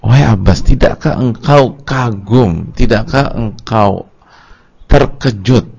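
A man with an Indonesian accent preaching at a religious study lecture, telling a story with lively, acted-out quoted voices. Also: mid-range voice, slow pace, vocal fry, slightly rough. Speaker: Islamic preacher.

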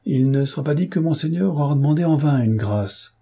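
A man's voice: medium pitch, unhurried, darkish tone, slightly rough. A man doing an arrogant, commanding count. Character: arrogant male count, hot-tempered.

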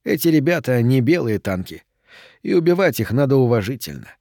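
A man narrating an audiobook in a measured, even way, with a mid-range voice. His tone is dark and mellow, recorded dry and close with no room sound. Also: mid-range voice, no echo. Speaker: audiobook reader.

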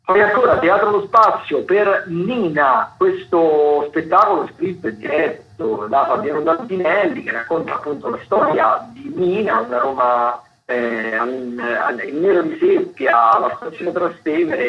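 In a radio studio, a man hosting a show works through listings from his notes without a script. His voice sits on the higher side, and his delivery is halting and unsure, full of self-corrections. The audio is muffled and lo-fi, with a faint hum of background noise.

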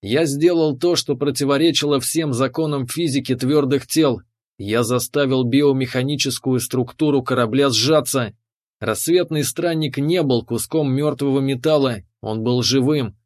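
A man's voice: mid-range voice, normal speed, a little mellow. A man narrating a first-person space adventure audiobook in a tense, dramatic way.

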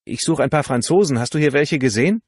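A man's voice: on the high side, lively intonation, fast, slightly rough, no room sound, studio quality, pitched above the performer's own voice. A man voicing a restless teenage girl, pushing through a crowded bar and firing eager questions, in an audiobook.

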